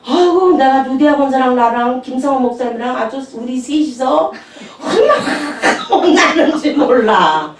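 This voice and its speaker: A woman pastor tells chatty, animated stories in a sermon, laughing often. Her voice sits high and swings widely. She is recorded from a distance in an echoey church hall. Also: normal speed, few pauses. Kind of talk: anecdotal sermon storytelling. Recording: echoey room, distant mic.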